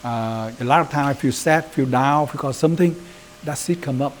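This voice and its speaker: A man's voice: medium pitch, normal speed, slight background noise. A man with a Vietnamese accent giving an informal training lecture as a Buddhist youth leader, talking loosely and often checking in with "right?". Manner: loose and conversational, mixing in Vietnamese phrases, frequent "right?" check-ins.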